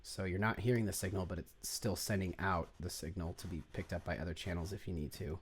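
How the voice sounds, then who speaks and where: Low-pitched man rambling through a casual tutorial. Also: fairly even intonation, fast talker, noisy background. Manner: rambling, self-correcting, mutters to himself while clicking around; low-key, offhand, unpolished. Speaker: music production tutor. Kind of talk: casual screen-share tutorial.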